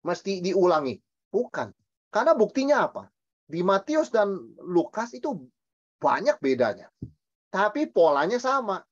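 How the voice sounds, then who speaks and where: A man, a pastor, teaching a Bible study in a lively, emphatic way, asking and answering his own questions and mixing in English words. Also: high voice, dry recording, highs cut off.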